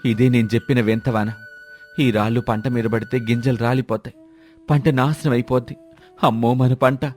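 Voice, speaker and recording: A man voicing a cautious, kind-hearted village farmer who speaks in a steady, earnest way. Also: medium pitch, moderate pace, faint music behind, lightly acted. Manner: steady, earnest, shouts commands when urgent.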